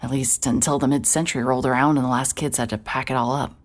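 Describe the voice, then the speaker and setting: Narrating a first-person horror audio drama as its lead character, a young woman speaks fast in a bass voice with a steady tone. The delivery stays tense and breathless, dipping into whispers and bursting into abrupt shouts.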